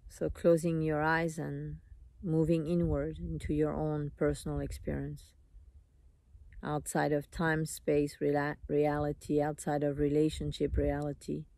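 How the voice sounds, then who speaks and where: Speaking in short, unhurried phrases with long pauses, a meditation teacher leads a live guided meditation in a soothing way. The voice is mid-range, monotone, gravelly and somewhat dark, with no echo.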